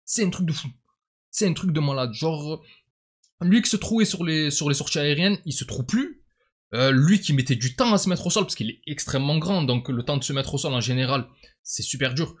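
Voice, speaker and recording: A man's voice: a little high, a little fast. A man with a southern French accent giving a casual football debrief as a vlogger, often repeating words and sighing as he talks. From southern France.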